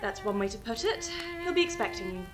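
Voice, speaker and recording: A brisk, wry landlady who chats easily and grumbles under her breath, as a woman voices her. Her voice is a little high, and music plays clearly behind her. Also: very animated. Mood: chatty. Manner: chatty, wry, complaining.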